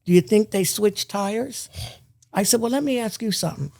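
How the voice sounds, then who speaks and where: Gravelly-voiced woman telling stories. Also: mid-range voice, normal speed. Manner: emphatic, animated storyteller. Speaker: guest, former bar owner. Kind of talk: casual storytelling.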